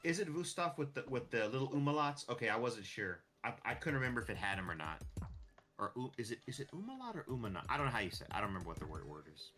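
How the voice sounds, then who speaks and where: A man's voice: medium pitch, animated, fast talker, pushed and bright, slight background noise. A man giving casual gameplay commentary, thinking aloud and restarting his sentences as he rambles. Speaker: gameplay streamer. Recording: clear music behind the voice.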